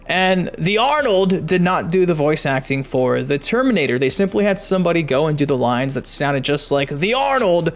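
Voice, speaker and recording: A YouTube host covering gaming news speaks in a fairly high, animated voice at normal speed with few pauses. He reads articles aloud energetically, chatty and emphatic as he talks to his viewers.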